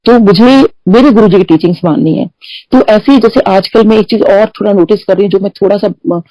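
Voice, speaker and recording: A woman's voice: mid-range voice, a little fast, warm tone, no echo, low-quality recording. A middle-aged woman telling personal devotional stories in a conversational way, mixing in English phrases and "you know" fillers and acting out the dialogue. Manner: storytelling that acts out quoted dialogue. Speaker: devotee sharing personal testimony. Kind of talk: conversational satsang testimony.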